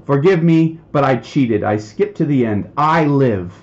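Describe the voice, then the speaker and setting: A man's voice: medium pitch, expressive, measured pace, a little mellow. Heated preaching man, dull lo-fi sound. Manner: heated, worked-up, emphatic. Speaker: preacher and podcast host. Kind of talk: impassioned podcast sermon.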